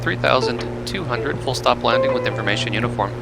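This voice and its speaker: A man's voice: medium pitch, brisk, vocal fry, loud music behind the voice, rough recording. A man making clipped, matter-of-fact pilot radio calls over a cockpit headset, reading back instructions in aviation phraseology. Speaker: flight simulator pilot.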